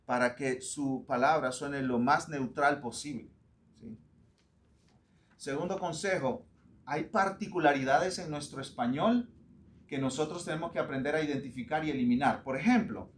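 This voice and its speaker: A middle-aged man from Honduras, a pastor giving a lively, joking teaching talk to church readers and acting out pronunciations. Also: on the high side.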